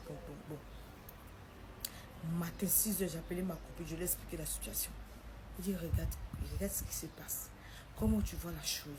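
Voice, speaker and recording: A young woman tells a personal story, acting out the quoted lines in a lively way. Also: lowish voice, background noise.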